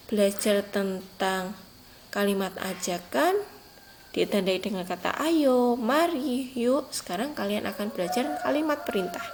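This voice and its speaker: A young woman, teaching a lesson to small children in a patient, gentle way and reading example sentences with lifted emphasis. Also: fairly high pitch, a little hiss or hum, low-quality recording. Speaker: primary school teacher. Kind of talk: recorded online class lesson for young children.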